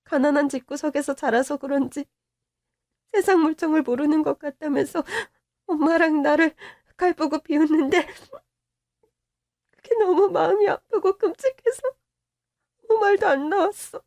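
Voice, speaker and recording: A young woman playing a newlywed daughter who quietly and resignedly tells her mother what she went through, in a Korean-style radio-drama story reading. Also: sits high, moderate pace, pauses often, dry recording, studio quality. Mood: hurt, resigned. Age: young adult. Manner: quiet, resigned confessional telling. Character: young wife confiding to her mother, hurt and subdued.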